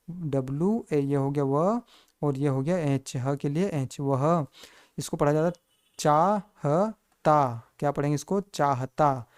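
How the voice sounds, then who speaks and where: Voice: medium pitch, mellow, clean tone. A teacher giving a step-by-step spelling lesson, who keeps asking the listener questions and then answering them, and calls the listeners friends again and again.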